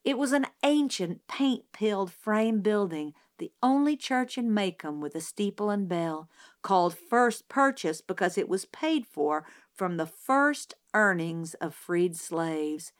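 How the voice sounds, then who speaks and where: A woman narrates a novel aloud at an unhurried, deliberate pace. Her voice sits in a middle pitch and carries the story in measured, scripted narration. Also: lively intonation. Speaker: audiobook narrator.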